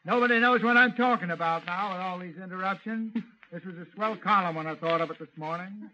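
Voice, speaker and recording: A man's voice: high-pitched, brisk, sharp tone. A man doing 1930s radio comedy as a columnist, blustering and grumbling asides. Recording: old lo-fi radio recording with hiss.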